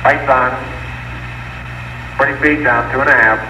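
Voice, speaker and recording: A man giving clipped, steady descent callouts over a crackly space radio transmission with beeps. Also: medium pitch, measured pace. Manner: clipped, steady, matter-of-fact numbers. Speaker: astronaut calling out descent. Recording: distant echoey archival radio with faint noise.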